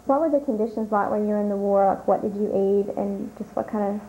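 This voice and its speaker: A woman's voice: medium pitch, fast talker, mellow. A woman interviewing and informally explaining what is being shown. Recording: dull lo-fi sound, faint noise.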